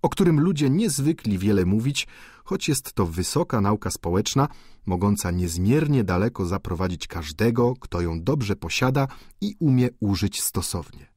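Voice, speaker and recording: A man narrating a classic novel as an audiobook, with an expressive, measured delivery. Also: fairly low pitch, breathy edge, no echo, studio quality. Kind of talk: literary audiobook reading.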